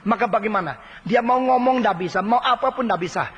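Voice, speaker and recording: A man preaching a dramatic sermon, his voice swinging between soaring high cries and low murmurs as he acts out the people he quotes. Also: a little fast, fairly bright tone, dull audio. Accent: Indonesian. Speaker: pastor. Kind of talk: expository sermon. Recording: long hall reverb, sermon recording.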